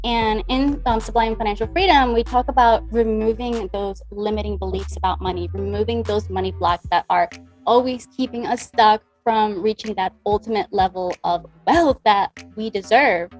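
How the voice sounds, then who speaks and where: Faint music sits behind a mid-range female voice moving at a moderate pace. The speaker, a money mindset coach from the Dominican Republic, is an upbeat, talkative interview guest who dramatizes conversations from her past.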